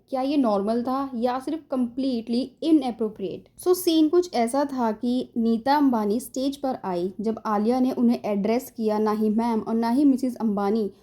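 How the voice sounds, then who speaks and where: A woman's voice: fairly high pitch, mellow. A woman hosting a gossip channel, narrating a celebrity story in a scripted, dramatic way, mixing English phrases into her Hindi and speaking straight to her viewers. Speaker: entertainment gossip channel host.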